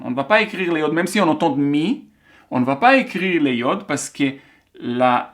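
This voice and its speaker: Male language teacher, patient and methodical, slightly higher voice. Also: a bit bright. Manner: patient, slow, explains step by step. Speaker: Hebrew teacher. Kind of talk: online language lesson, dictation.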